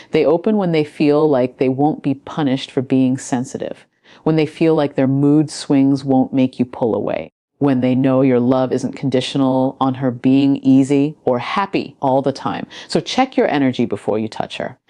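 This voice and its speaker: Woman, very deep voice, dark tone, dry close sound, earnest motivational speech. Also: dry recording. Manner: earnest, intimate tone addressed to men. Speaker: motivational speaker.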